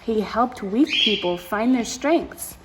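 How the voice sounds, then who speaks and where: A fairly high-pitched, animated woman reads a storybook slowly to young children, hosting story time. She reads expressively with exclamations and asides to her audience. The recording includes clear background noise.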